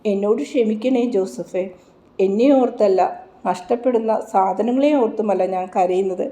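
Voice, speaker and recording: A woman's voice: mid-range voice, normal speed, dark tone, roomy sound, close to an everyday voice. A woman reading as a young tearful mother. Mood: sorrowful. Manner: tearful, apologetic. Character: young grieving mother, tender and humble.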